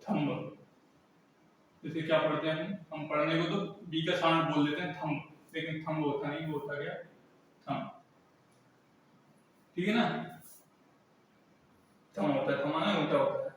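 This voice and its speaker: A man's voice: a little high, steady tone, moderate pace, pauses often, a little hiss or hum. A male teacher giving a classroom lesson who keeps asking and answering his own questions. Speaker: English teacher. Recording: echoey room, mic far off.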